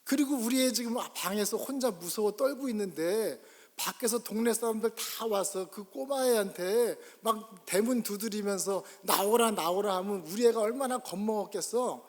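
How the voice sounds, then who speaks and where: Man, pastor, sermon storytelling, high voice, animated, long church reverb. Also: normal speed. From South Korea. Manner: animated, acts out scenes. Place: church sanctuary.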